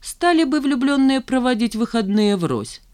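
An audiobook reader voicing a stern, composed male friend who speaks in a measured, matter-of-fact way. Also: sits high, very animated, a little mellow, pitched above the performer's own voice. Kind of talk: audiobook character voice.

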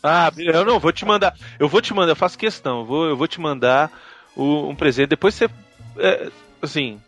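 A man's voice: a little high, brisk, fairly bright tone, soft background music. A man co-hosting a casual podcast, teasing and joking with a guest. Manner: teasing and jokey. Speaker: podcast co-host.

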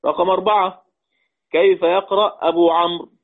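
A man with an Egyptian Arabic accent teaching Quran readings in class, quizzing his students and slowly chanting each reading. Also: sits high, little pitch movement, vocal fry. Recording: tinny phone-like recording.

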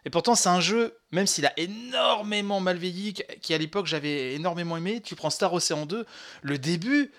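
High-voiced man, halting chat. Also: fairly bright tone. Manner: halting, many restarts and fillers, laughs. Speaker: podcast co-host. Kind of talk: casual chat about retro games.

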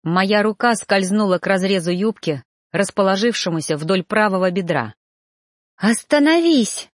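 A woman narrating a romance novel in a steady, measured reading. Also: mid-range voice, no echo, studio quality. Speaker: audiobook narrator. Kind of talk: scripted narration.

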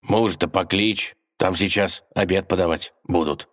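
A man's voice: sits low, fairly even intonation, moderate pace. A man reading an audiobook, voicing an older tsar who is a sleepy, blustering and grumbling father. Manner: blustering, drowsy. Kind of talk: audiobook character voice.

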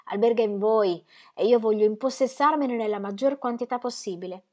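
A woman's voice: a little high, fairly quick, a little mellow, voice pushed up, natural voice. A woman reading the part of a weary, charming man, a painter, in a languid, playful, theatrical manner. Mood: flirtatious.

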